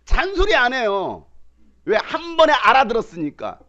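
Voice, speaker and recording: High-pitched, animated male pastor preaching. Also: normal speed, dull audio. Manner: animated, emphatic preaching with sudden loud bursts and quiet asides; acts out quoted dialogue in changed voices. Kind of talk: sermon.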